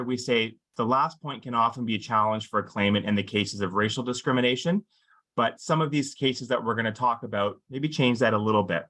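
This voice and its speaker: Measured man explaining law. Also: lowish voice, a bit bright. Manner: measured, explanatory, frequent "um" fillers, stresses key words. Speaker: employment lawyer presenting a webinar. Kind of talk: scripted-ish legal presentation to employers.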